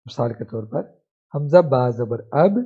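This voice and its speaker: Man slowly spelling out syllables. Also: medium pitch, lively intonation, dark tone, slightly rough. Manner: spells out syllables slowly, then blends them. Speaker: Quran reading teacher. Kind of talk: step-by-step reading lesson. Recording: muffled, lo-fi recording.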